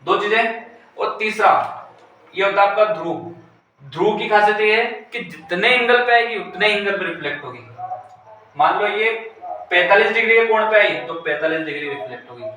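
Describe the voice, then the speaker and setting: A man teaching physics in a high, bright voice, asking questions and answering them himself. He sounds far from the microphone in a very echoey room, with a faint hiss underneath. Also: animated, moderate pace. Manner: asks questions and answers them himself, repeating key terms. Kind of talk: classroom-style explanation.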